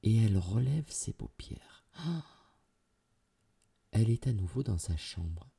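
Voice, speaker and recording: A man narrating a children's story with an expressive, dramatic delivery. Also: fairly low pitch, normal speed, gravelly, husky.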